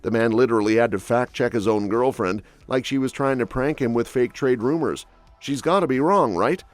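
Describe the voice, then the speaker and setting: A man's voice: mid-range voice, steady tone, brisk. A man reading scripted entertainment gossip narration with a snarky, quip-heavy delivery. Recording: dry voice-over with soft music bed.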